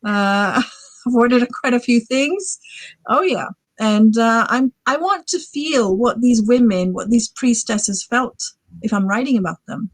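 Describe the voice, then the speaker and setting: A woman's voice: fairly high pitch, lively intonation, a little slow, no room sound. A woman in her forties, a guest author, talking casually on a podcast in a rambling, enthusiastic way full of fillers. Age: 40s.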